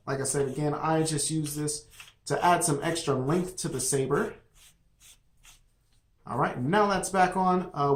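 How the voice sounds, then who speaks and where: A man casually reviewing a product, rambling with many fillers and restarts. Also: a little high. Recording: echoey room.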